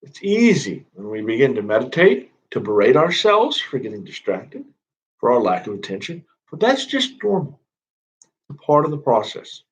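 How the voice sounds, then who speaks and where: A man working as a spiritual counselor, giving calm, measured guided meditation instructions in a gently inviting way. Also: mid-range voice, rough recording.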